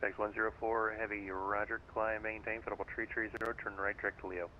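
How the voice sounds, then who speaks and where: A man working as an air traffic controller, giving rapid, clipped instructions in radio phraseology. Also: lowish voice, little pitch movement, highs cut off.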